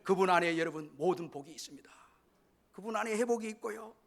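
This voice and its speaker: A man's voice: high voice, fast, vocal fry, fairly bright tone. A man preaching a sermon as pastor, delivering emphatic declarations that rise in force.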